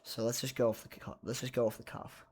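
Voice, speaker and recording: A man's voice: medium pitch, level tone, fast, darkish tone, husky. A tired man rambling casually about an album late at night at home, swearing now and then and trailing off into mumbles. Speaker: vlogger reviewing a record.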